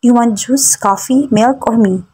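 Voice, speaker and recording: A woman's voice: on the high side, a little slow, warm tone, slightly rough, pitched above the performer's own voice, poor audio. Woman reading as a teasing rich husband. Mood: flirtatious.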